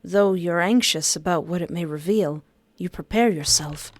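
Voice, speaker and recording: A woman's voice: on the low side, normal speed, no echo. A woman narrator reading a scripted second-person horror story.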